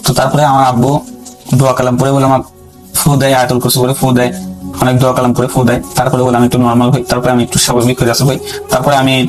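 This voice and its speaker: Man, caller telling his own story, rushed rambling delivery, music under the voice. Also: medium pitch, monotone, low-quality recording. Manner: rambling, repeats phrases, keeps addressing the host. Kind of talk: casual spoken storytelling.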